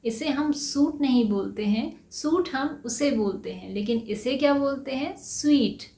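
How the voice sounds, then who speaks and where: A woman teaching English pronunciation in Hindi, asking questions and answering them herself, saying each word slowly and more than once. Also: high-pitched, vocal fry, dark tone, reverberant. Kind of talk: Hindi-language pronunciation lesson.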